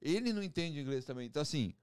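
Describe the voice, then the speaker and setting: Um homem brasileiro numa conversa descontraída de podcast, contando casos com gírias e animação. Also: male voice, on the high side, very fast, clean tone, no room sound, clean studio sound. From Brazil. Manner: animated storyteller, slangy. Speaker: band member guest. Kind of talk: casual podcast chat.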